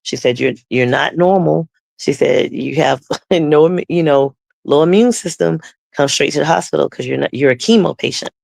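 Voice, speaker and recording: A woman's voice: low-pitched, normal speed, creaky, a little mellow, no echo. A woman guest telling her personal testimony conversationally, acting out the dialogue she quotes.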